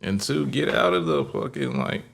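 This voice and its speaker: A man's voice: on the high side, big pitch swings, moderate pace, gravelly. A young man co-hosting a podcast in casual chat, talking through advice in a laid-back way and tacking "man" and "bro" onto his sentences. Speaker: podcast co-host.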